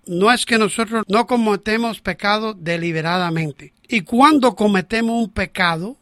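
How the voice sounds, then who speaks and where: A woman preaches to her congregation with earnest exhortation. She speaks very slowly in a mid-range voice. The recording is dry, with no reverb. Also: lowish voice, fairly bright tone. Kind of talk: sermon.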